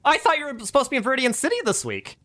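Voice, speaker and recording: A man voicing a flustered, excited young woman with a high yelping squeal. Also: racing, exaggerated voice.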